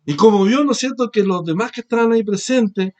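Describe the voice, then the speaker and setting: A man preaching a sermon as pastor, asking rhetorical questions and swinging between loud emphasis and quiet, low passages. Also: a little fast. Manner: preaching with rhetorical questions, rising and falling in force.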